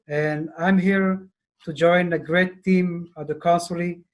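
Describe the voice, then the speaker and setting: Slow, halting man on a video call. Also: sits high, fairly even intonation. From Ethiopia. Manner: slow, halting, many fillers. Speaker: diplomat guest. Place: office indoors. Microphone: earphone mic on video call.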